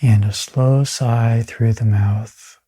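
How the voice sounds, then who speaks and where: Calm and soothing, a man with a mid-range, soft, breathy voice leads a guided meditation, pausing between his phrases.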